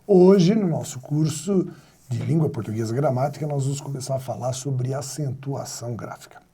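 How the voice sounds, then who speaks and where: A man's voice: mid-range voice, normal speed, dark tone, slightly rough. A man teaching a grammar video lesson, explaining step by step and posing rhetorical questions to his students. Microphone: wired mic.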